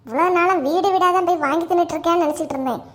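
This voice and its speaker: A stern, prying mother-in-law from a Kanyakumari comedy cartoon, as a woman acts her out, with a high, piercing voice and a demanding tone. She keeps pressing for answers. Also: rapid-fire. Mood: indignant. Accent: Kanyakumari Tamil. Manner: questioning, indignant.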